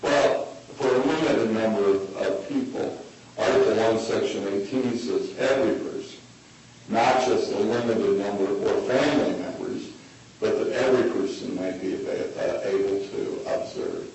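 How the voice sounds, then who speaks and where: Halting low-voiced male lawyer, very echoey. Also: darkish tone. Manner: halting, hesitant, with very frequent uhs. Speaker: defense appeal lawyer. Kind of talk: oral argument in court. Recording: very echoey distant courtroom, faint noise.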